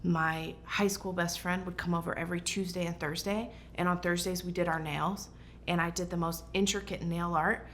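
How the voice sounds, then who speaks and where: Her fairly low, slightly bright voice keeps an even intonation at a moderate pace as she answers interview questions earnestly and reflectively. She grew up in Portugal and founded and designs for her own brand. Slight background noise is audible.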